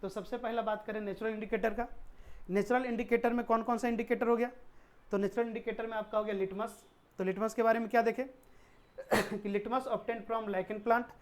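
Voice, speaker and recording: A woman teaching a chemistry lesson who keeps asking rhetorical questions and answering them, with English technical terms mixed in. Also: fairly high pitch. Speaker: science teacher. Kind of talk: classroom-style chemistry lesson.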